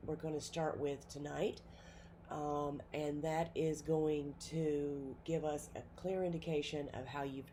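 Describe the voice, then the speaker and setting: With a cold, this nursing instructor delivers an informal pharmacology lecture in a recorded classroom, full of fillers and self-corrections. She has a low, warm voice, and slight background noise can be heard.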